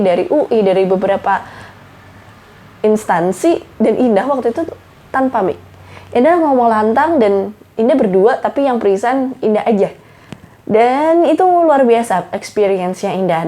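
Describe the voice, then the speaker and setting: A woman's voice: fairly high pitch, dark tone. A young woman talking casually to camera, giving public speaking tips and calling herself by her own name. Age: young adult. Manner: chatty, refers to herself by name, mixes in English phrases. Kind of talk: casual tutorial talk to camera.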